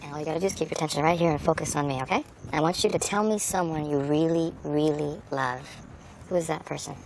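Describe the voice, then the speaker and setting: An intense acting coach coaxing emotion out of an actress. Her voice is low and gravelly, theatrical in its urging, with faint noise behind. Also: fast, a little mellow. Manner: coaxing, theatrical, mimics a cat. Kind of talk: film comedy acting.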